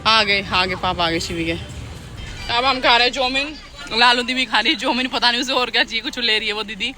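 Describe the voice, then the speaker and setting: A woman's voice: fairly high pitch, a little fast, pushed and bright. A woman filming a casual family vlog, teasing and laughingly scolding the kids and a young relative. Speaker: vlogger. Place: outdoors and at home with family.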